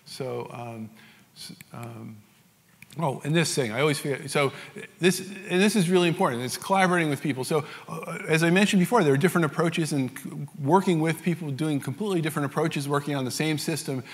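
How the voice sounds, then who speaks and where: A man with a New York accent gives a technical lecture, his voice sitting a little high for a man. He explains patiently, with frequent ums and self-corrections along the way. His voice carries a long reverb from a lecture hall. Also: a little fast. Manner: explanatory, frequent fillers and restarts. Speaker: scientific lecturer.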